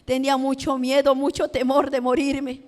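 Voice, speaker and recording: A middle-aged woman giving an emotional personal testimony in church, repeating phrases and dropping to a hush before rising again. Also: sits high, little pitch movement, moderate pace. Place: church hall. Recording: long church-hall reverb.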